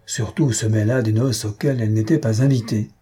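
A man reading a comic novel aloud as an audiobook narrator, in a steady, measured storytelling manner with a husky voice. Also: fairly low pitch.

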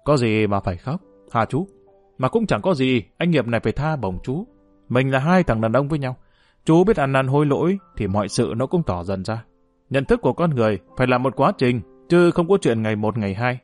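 A man voicing a calm, steady middle-aged husband in an audiobook. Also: medium pitch, brisk, faint music behind, natural voice. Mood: earnest.

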